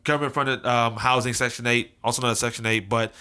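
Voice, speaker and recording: An American man hosting a casual discussion in a halting way, often repeating words as he goes. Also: medium pitch, fairly even intonation, pushed and bright, clear, resonant tone. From United States. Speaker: host.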